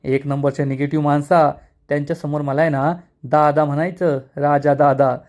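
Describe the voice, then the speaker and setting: A man's voice: on the high side, flat delivery, normal speed, a little mellow, natural voice. A man voicing a cocky young man who mocks and bosses his brother. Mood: mocking. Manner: mocking, bossy.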